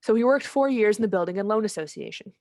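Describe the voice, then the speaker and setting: A commanding senior angel, played by a woman narrating in a radio drama. She speaks fast and businesslike at a medium pitch, with a dry, close sound. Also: mellow, no echo, natural voice. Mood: storytelling. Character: brisk, authoritative senior angel giving orders. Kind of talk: old-time radio play acting, storytelling.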